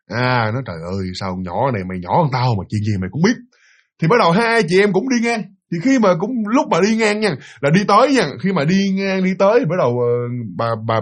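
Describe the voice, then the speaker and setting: A man's voice: sits high, slightly rough. A man with a Southern Vietnamese accent telling a ghost story casually, rambling and repeating himself while addressing his listeners.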